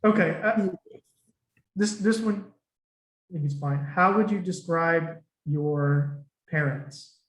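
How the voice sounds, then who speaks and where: Man, topic master, welcoming, upbeat, slightly high voice, echoey room. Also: takes it slowly. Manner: upbeat, welcoming, formal phrasing. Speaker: topic master of a speaking club. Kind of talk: meeting facilitation on a video call.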